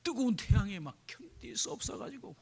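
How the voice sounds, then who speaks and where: A man's voice: sits high, very animated, a little fast, a little mellow, slightly rough. A man preaching a sermon as a pastor. He acts out quoted prayers and keeps asking the congregation questions.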